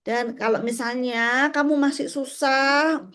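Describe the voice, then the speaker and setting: A middle-aged woman with a somewhat high voice gives a parenting talk to mothers and fathers. She explains in a gentle, patient way and now and then acts out little dialogues between parent and child. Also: fairly even intonation, a little slow, clear, resonant tone. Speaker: parenting speaker.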